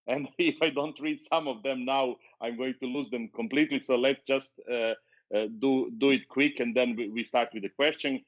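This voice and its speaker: Male host, live web interview, hesitant and filler-heavy delivery, mid pitch, muffled stream audio. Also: steady tone. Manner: halting, many fillers and restarts. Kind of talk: live-streamed interview, reading viewer comments.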